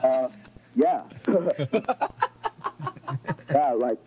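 A man's voice: medium pitch, sing-song, muffled recording, very noisy. Butt-head, as a man doing him, dopey snickering teen. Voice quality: slow grunting drawl with "uh" and snickers. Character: dim-witted teen cartoon boy, slow, snickering. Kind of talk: prank call impression on radio.

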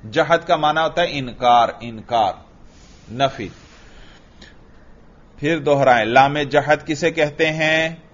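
A man's voice: on the high side, slow, long pauses, a bit bright, highs cut off. A man from Pakistan with a Pakistani Urdu accent, teaching a grammar lesson to a class. He drills students with repeated questions and chants Arabic examples. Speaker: religious teacher.

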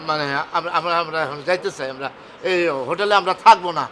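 A man's voice: fairly high pitch, fairly quick, bright, forceful tone, slight background noise. An actor playing a nervous, flustered boss who stammers and pleads his way out of a forced marriage in a comedy drama. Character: nervous, flustered boss man trying to escape.

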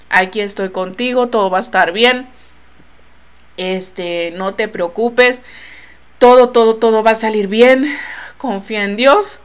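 A woman's voice: medium pitch, smooth. A young woman with a Mexican accent tells a personal story to her viewers in casual chat, acting out what each person said and trailing off with filler phrases, recorded on her laptop mic. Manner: animated, acts out quoted voices, trails off with "bla, bla, bla". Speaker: vlogger.

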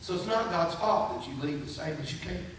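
A man's voice: a little high, animated, fairly quick, a bit bright, slight background noise. A man, preaching a sermon as pastor, conversational with rising emphatic bursts. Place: church sanctuary. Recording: echoey, distant church recording.

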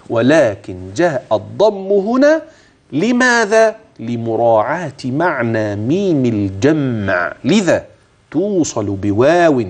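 A man teaching Quran recitation rules, explaining with animated speech and slowing down to chant verses as examples. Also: medium pitch. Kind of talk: tajweed lesson with recited demonstrations.

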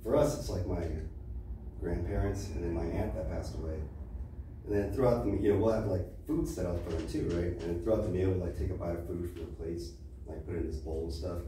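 An American stand-up comedian from Los Angeles performs a set on a small indoor club stage, his low voice fairly quick and fairly even in intonation. His handheld mic is picked up by a distant camera, so the sound is echoey and the club room noisy.

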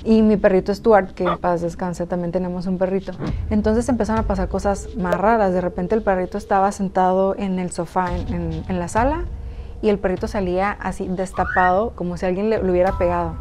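A woman's voice: mid-range voice, steady tone, brisk, background noise. Chatty Mexican woman telling a story. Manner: chatty, addresses viewers directly, many fillers. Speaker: YouTuber telling a personal story. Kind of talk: casual storytime narration. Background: background music.

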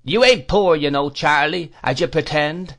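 A man's voice: a little high, moderate pace, fairly bright tone, voice pushed up. A man voicing a mocking street boy in a storybook, calling out taunts in a goading manner. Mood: mocking, taunting. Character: jeering street boys taunting an old miser. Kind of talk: storybook character voice.

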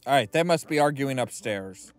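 A man's voice: mid-range voice, lively intonation, normal speed. A man giving casual commentary as he streams a game, indoors in a small room.

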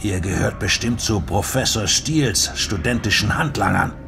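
A man reading an audiobook, voicing a gaunt, wild-eyed man with a scratchy, rough voice who growls threats. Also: on the low side, lively intonation, moderate pace. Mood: menacing.

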